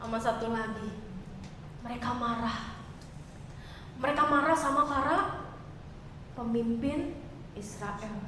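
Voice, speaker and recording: A woman pastor giving a chatty, expressive sermon and asking her congregation questions. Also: a little high, takes it slowly, long pauses, a little hiss or hum. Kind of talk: conversational sermon. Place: church hall. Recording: echoey church hall, mic far off.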